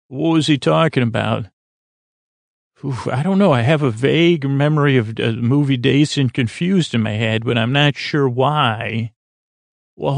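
On his sleep podcast, a host uses a calming, mid-range voice with vocal fry, wandering through unscripted talk. He stumbles and trails off mid-sentence with mild self-mockery, and the audio carries no echo.

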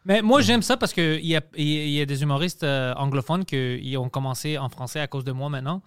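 A man's voice: a little high, fast, smooth, dry recording, clean studio sound. A man speaking French with a Greek accent, a comedian hosting a casual podcast chat and slipping into English mid-sentence.

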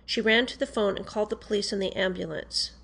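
A woman's voice: medium pitch, steady tone, fast, creaky, a bit bright, breathy edge. Woman formally reading a police report. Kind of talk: formal read-aloud of a police interview report.

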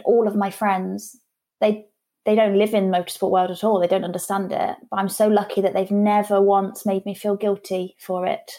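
A woman's voice: mid-range voice, a little mellow. Chatty woman in her thirties. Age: 30s. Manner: candid, chatty, with frequent restarts. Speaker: guest, PR business owner. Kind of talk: casual interview conversation.

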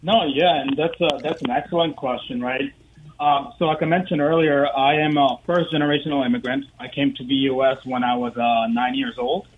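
This phone interview features a man in his thirties from the Dominican Republic, a parade co-founder calling in to a radio show, who speaks briskly with many fillers and restarts. The tinny line carries his medium-pitched, fairly even voice along with slight background noise.

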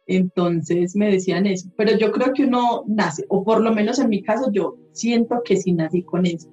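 A woman's voice: medium pitch, moderate pace, dark tone. Frank woman telling stories. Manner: candid storyteller who swears casually. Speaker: holistic therapist guest. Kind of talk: casual podcast conversation. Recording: roomy, slightly dull sound, faint music.

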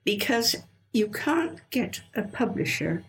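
Older lady chatting and laughing thru her stories, gravelly voice, pitch jumps all over. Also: very animated, takes it slowly. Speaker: guest author. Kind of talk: casual interview chat.

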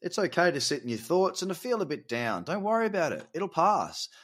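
A man's voice: on the high side, very animated, a little fast, fairly bright tone. A man, casually running through a market update, chatty and encouraging, and often correcting himself mid-sentence. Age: 30s. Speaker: crypto market vlogger.

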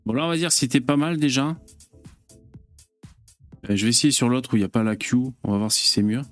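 A man's voice: medium pitch, expressive, fairly quick, faint music behind. A man hosting a casual live stream, chatting with viewers in a loose, hesitant way with lots of fillers and curse words. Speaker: host.

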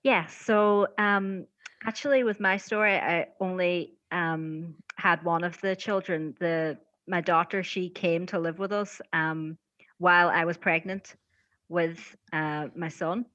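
A woman in her thirties with a Donegal Irish accent shares a personal story in an informal, halting way. Her voice sits a little low, and the recording is dry and slightly dull. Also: steady tone, a bit bright, no room sound. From County Donegal, Ireland. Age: 30s. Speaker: podcast guest.

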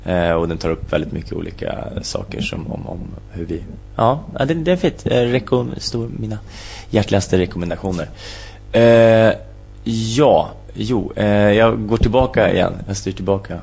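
A man's voice: fairly low pitch, lively intonation, gravelly, a little mellow, breathy edge. A man hosting a podcast in casual interview chat, hesitant and restarting as he steers the conversation. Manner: hesitant, full of fillers and restarts while steering the talk. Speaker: podcast host. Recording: muffled lo-fi with faint hum.

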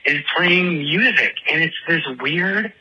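This caller has a slightly high, sharp voice with some breathiness, and he speaks slowly. He leaves a casual phone message for a show, running through a story in a talkative, theatrical way and poking fun at himself without letting up.

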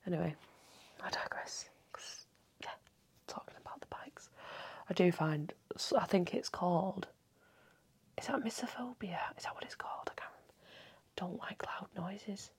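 A low-voiced woman in her thirties rambles through a late-night solo podcast from home. Her voice is husky with a gravelly edge, and she swears freely and often slips into a hushed half-whisper. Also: moderate pace, long pauses. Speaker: podcast host. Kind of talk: casual solo podcast chat.

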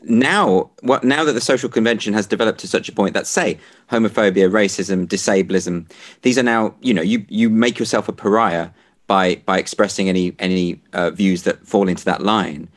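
Probing low-voiced male interviewer. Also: moderate pace. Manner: probing, thoughtful, with stammered restarts. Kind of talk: conversational interview.

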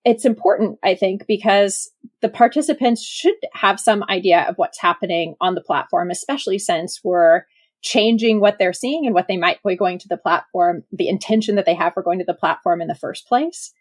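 A woman's voice: mid-range voice, moderate pace, no room sound. A woman, answering interview questions earnestly and carefully as a researcher. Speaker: researcher guest.

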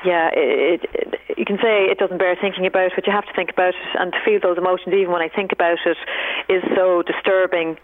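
A woman with an Irish accent, speaking haltingly as a guest in a live radio phone interview. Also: lowish voice, fairly even intonation. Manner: halting, hesitant delivery with repeated words. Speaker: guest, singer-songwriter. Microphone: telephone. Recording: thin, narrow telephone line.

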